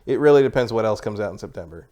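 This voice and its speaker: A man co-hosting a show in loose, casual chat, talking in a halting, noncommittal way. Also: lowish voice, animated, warm tone. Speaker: co-host.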